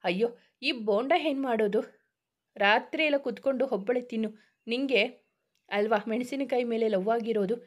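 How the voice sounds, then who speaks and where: A woman voicing a young elder brother who teases his sisters and turns quiet when hurt. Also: fairly high pitch, moderate pace, long pauses, natural voice. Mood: cheerful. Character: loving, teasing young man, an elder brother.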